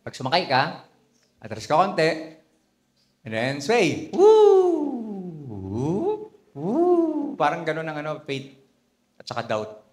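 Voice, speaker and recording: A man with a Filipino accent preaching a conversational sermon as a bishop. He tells the story in a lively way and adds laughing asides. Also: a little high, normal speed, long pauses. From Philippines. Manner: animated storyteller, mixing Tagalog and English, with laughing asides.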